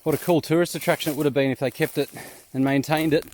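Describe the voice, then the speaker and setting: In a voice on the high side with a darkish tone, a laid-back bloke from New South Wales talks quickly to his viewers while exploring the bush and its abandoned mines. His intonation is fairly even and his chat is informal, slangy and self-deprecating. A little hiss or hum sits under the audio.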